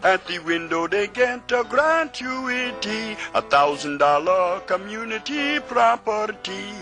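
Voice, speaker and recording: Calypso singer, high voice, unhurried, rhyming, faint music. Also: male voice, animated, sharp tone, full character voice. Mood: sung. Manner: half-sung rhyming verse over music. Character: Caribbean calypso singer, wise and sorrowful. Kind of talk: 1950s radio drama acting.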